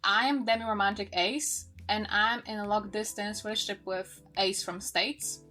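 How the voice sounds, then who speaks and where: A young woman in her early twenties from Poland speaks English with a Polish accent, her first language being Polish. Her voice is bright and forceful. She talks haltingly as a podcast guest, often restarting and hunting for words. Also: medium pitch, steady tone, faint music behind. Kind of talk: casual podcast chat.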